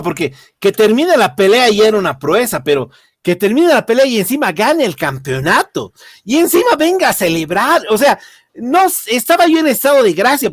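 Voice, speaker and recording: A man with a Bolivian accent hosting a casual wrestling commentary, reviewing matches in a jokey, halting way. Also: high voice, no room sound, studio quality. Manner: animated, jokey, swearing, halting repetitions. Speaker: wrestling show host.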